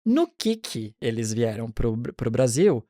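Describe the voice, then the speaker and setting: Speaking a little slowly in a mid-range voice, a man in his forties who works as a pediatric neonatologist recounts his career in a laid-back, conversational interview full of restarts. The studio sound is clean and echo-free.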